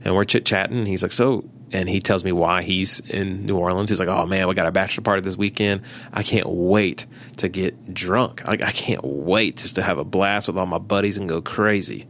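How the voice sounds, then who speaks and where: A man's voice: deep voice, brisk, a little hiss or hum. A man, a pastor, talking casually on a podcast and animatedly telling stories, acting out the people he quotes. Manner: animated storytelling, acts out quoted dialogue.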